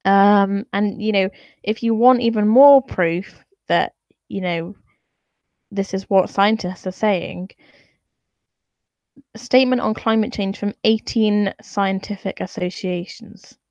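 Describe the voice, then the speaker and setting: A woman's voice: medium pitch, slow, a little mellow, dry recording, highs cut off. A woman talking to camera in an opinionated vlog, exasperated and sarcastic, swearing freely as she reads out and explains graphs. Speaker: vlogger.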